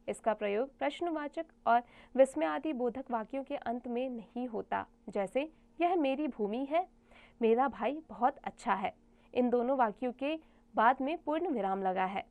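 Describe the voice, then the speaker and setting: A woman teaching a grammar class for children, with a voice pitched a little high. She explains each rule plainly and reads the example sentences aloud. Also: normal speed, darkish tone.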